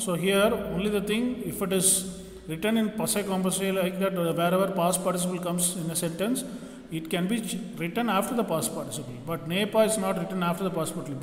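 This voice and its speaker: A French teacher, a man whose voice sits high and moves a little fast, walks through a grammar lesson step by step as he would in a classroom. The room is echoey with long reverb.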